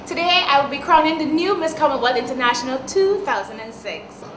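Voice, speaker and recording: High-voiced woman from Trinidad and Tobago. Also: animated, a little fast, fairly bright tone. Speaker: reigning pageant titleholder. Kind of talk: brief interview. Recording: echoey room, faint noise.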